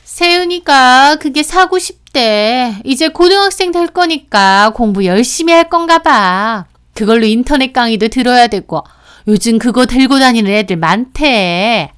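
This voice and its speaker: Woman putting on a shrill scolding sister-in-law. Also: animated, unhurried, a bit bright, clean tone. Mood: whining. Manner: scolding, sneering. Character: shrill demanding middle-aged sister-in-law.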